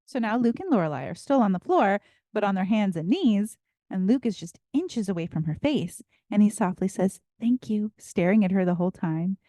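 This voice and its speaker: A woman co-hosting a podcast, recapping an episode in a chatty, animated way and laughing often. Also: mid-range voice, a little fast, dry recording, clean studio sound. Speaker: podcast co-host. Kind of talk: casual recap chat.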